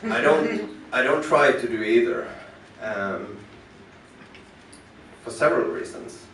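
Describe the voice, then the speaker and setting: A western Norwegian musician with a Norwegian accent introduces his work from a concert club stage, speaking haltingly and thoughtfully with many pauses and restarts. His mid-range voice is very animated and a bit bright. Recorded from far back in the audience through the house speakers, the sound is roomy, with slight hiss or hum.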